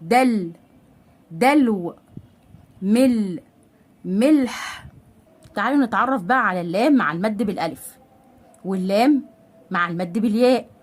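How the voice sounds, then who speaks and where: Patient Egyptian woman teacher sounding out syllables. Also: medium pitch. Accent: Egyptian Arabic. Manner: asks questions and answers them herself. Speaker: literacy teacher. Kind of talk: step-by-step reading lesson.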